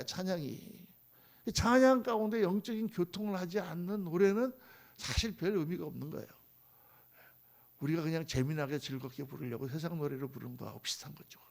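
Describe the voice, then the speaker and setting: Gravelly-voiced man preaching a sermon. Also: high voice, animated, brisk. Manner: swings between loud emphatic lines and soft hushed ones; acts out quoted people in conversational asides. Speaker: pastor. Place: church sanctuary.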